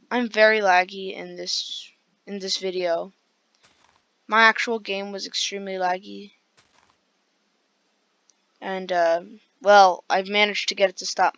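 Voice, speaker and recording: A woman's voice: medium pitch, fairly bright tone, no room sound, lo-fi sound. A woman with a groggy voice, rambling through casual gameplay commentary with lots of fillers. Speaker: gaming video creator.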